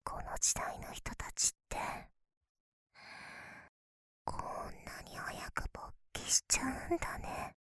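A young woman voicing a mischievous invisible girl from the future, teasing in a breathy whisper close to the ear. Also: takes it slowly, pauses often, bright, forceful tone, no echo. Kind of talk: ASMR whispering roleplay.

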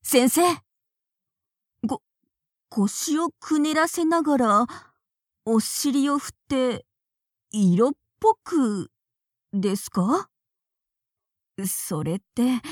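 A woman's voice: sits high, no room sound, studio quality, exaggerated voice. A woman acting as a naive, polite young woman who hesitates and stammers when flustered, in an audio drama.

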